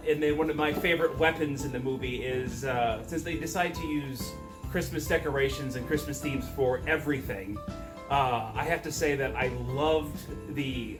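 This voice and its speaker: A man giving a chatty, enthusiastic, emphatic film review in a casual way. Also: a little high.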